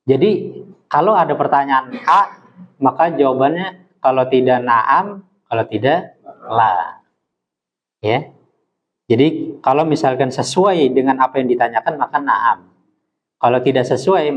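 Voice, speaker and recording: A man teaching an Arabic class, patiently modelling pronunciation slowly for his students. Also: medium pitch, poor audio. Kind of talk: classroom lesson.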